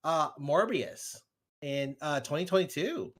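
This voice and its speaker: A man's voice: on the high side, expressive, unhurried. A man co-hosting a casual film podcast, joking around and laughing easily. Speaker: podcast co-host. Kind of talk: casual chat.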